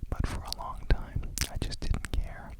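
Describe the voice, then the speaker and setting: A person whispering ASMR affirmations and guided meditation in a reflective, deliberate way. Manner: slow, reflective, deliberate phrasing.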